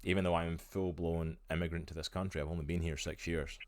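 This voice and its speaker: Scottish man, very low voice, casual rambling talk, interview. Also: level tone, fast, dry recording. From Scotland. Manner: rambling, many restarts. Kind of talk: casual conversation.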